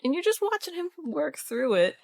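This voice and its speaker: A woman's voice: high voice, very animated, normal speed, gravelly, a little mellow. A woman guest on a casual podcast, gushing about a show she loves, speech full of fillers. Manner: gushing, filler-heavy fan talk. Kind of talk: casual chat.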